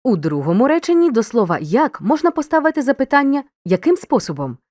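A woman narrating a scripted grammar lesson as a teacher, giving clear instructions and speaking straight to the learner. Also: sits high, very animated, brisk, a little mellow, dry recording, studio quality. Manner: clear didactic instruction, addresses the learner directly.

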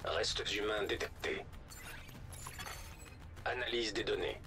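A man voicing a calm male AI system with a robot voice effect, giving flat, clipped status reports in a video game dub. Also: on the low side, takes it slowly, music in the background. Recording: game audio with gunfire noise.

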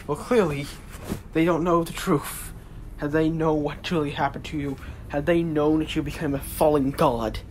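Hades, a man's loud defiant underworld god. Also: on the high side, pitched above the performer's own voice, close to an everyday voice. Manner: forceful, declamatory. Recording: noisy homemade recording.

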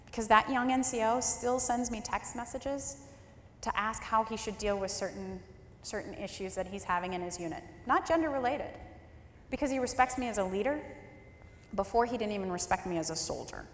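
A woman's voice: a little high, a little fast, a little hiss or hum. A woman in her thirties giving a candid, wry storytelling speech as keynote speaker at a leadership forum. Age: 30s. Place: large hall at a leadership forum. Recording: roomy hall with long reverb.

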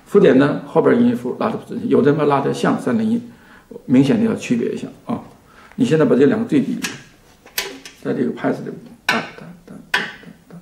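A man teaching violin, speaking slowly and patiently to a student, his sentences trailing off softly. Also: medium pitch, fairly even intonation, gravelly, a little hiss or hum. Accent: Mandarin Chinese. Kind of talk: explaining to a student in a lesson. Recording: echoey room with violin playing.

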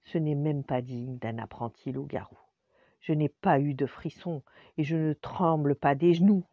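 A woman voicing a stern, pompous male singing teacher who scolds loudly and theatrically, with a dull lo-fi sound. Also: low-pitched, fairly even intonation, normal speed, no echo. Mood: scolding.

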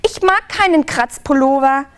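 A woman voicing a stubborn little girl who goes red with anger in a children's story reading, with defiant, shrill insistence. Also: moderate pace, natural voice.

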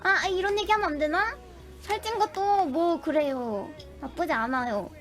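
A woman in her twenties, a livestreamer chatting with her viewers in an animated, flustered, protesting way. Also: extremely high pitch, moderate pace. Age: 20s. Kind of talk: casual chat with viewers. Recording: music playing behind the voice. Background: background music.

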